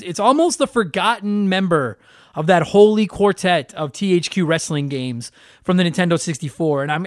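A podcast host stuffed up from allergies talks casually about retro gaming, rambling, swearing, and cracking self-deprecating jokes through his blocked nose. His voice is high-pitched, recorded in studio quality with no echo.

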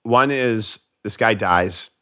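A lower-pitched American man chatting on a podcast as a guest comedian. He tells long jokes like little stories and slips into voices for the characters. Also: slow, smooth. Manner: animated storyteller, voices joke characters. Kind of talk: casual podcast chat, telling jokes.

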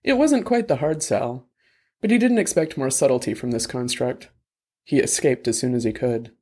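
A man reading a novel chapter aloud as narrator, in steady, wry storytelling. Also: medium pitch, normal speed, slightly rough. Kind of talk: scripted audiobook narration.

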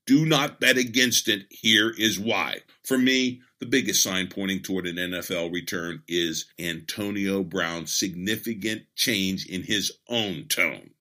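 A man delivers a scripted sports opinion segment for his podcast, leaning on key words with measured emphasis. His voice has a bright, forceful edge, and he takes his time, pacing each line slowly and deliberately. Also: low-pitched.

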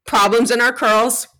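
Animated swearing woman telling a story. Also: mid-range voice, very noisy. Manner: animated, laughing, swears freely. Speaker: podcast co-host. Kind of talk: casual storytelling chat.

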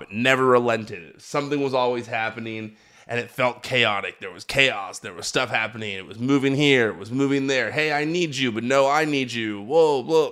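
Solo wrestling recap on a podcast, hosted by an American man who keeps it casual and chatty while hitting his points with eager emphasis. His voice is medium in pitch and fairly bright.

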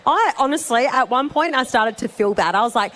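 A woman's voice: a little high, animated, brisk, fairly bright tone. A woman with an Australian accent co-hosting a live outside radio broadcast, bubbly and laughing often. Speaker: radio co-host.

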